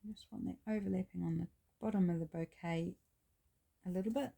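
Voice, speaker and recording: A fairly quick, fairly low-pitched woman's voice with a New Zealand accent, belonging to a craft channel host working on a project. It's scratchy and gravelly, and she keeps up a relaxed, chatty stream of thinking aloud.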